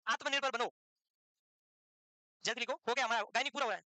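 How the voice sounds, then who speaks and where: A man teaching a class at a quick clip, his voice high and bright. He scolds, jokes and teases students between dictated notes, and the sound is dry and close. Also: dry recording. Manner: brisk, scolding, teasing joker. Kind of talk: classroom lecture.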